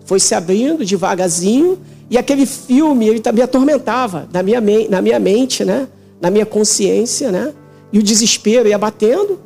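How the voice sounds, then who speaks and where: A man's voice: very high voice, gravelly, warm tone. A man recounting a religious vision in an interview, emotional and repetitive, often checking in with his listener. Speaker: interview guest giving testimony.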